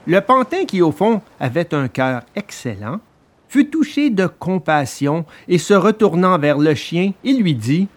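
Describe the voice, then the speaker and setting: A man narrating a children's story in an expressive, dramatic storytelling manner. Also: high voice, a little slow.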